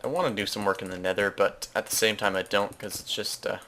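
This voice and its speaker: A male Let's Play host speaks quickly in a bright, forceful, low-leaning voice with fairly even intonation, and a little hiss or hum is audible. As he plays, his commentary wanders casually, with chatty asides and frequent mid-sentence self-corrections.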